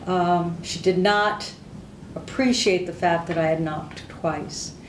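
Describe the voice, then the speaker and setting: In an oral history interview, an older veteran who speaks Hungarian natively recounts her service in a candid, plain-spoken way. Her voice sits on the low side with fairly even intonation and a slow pace, picked up by a distant mic with background noise and a roomy echo.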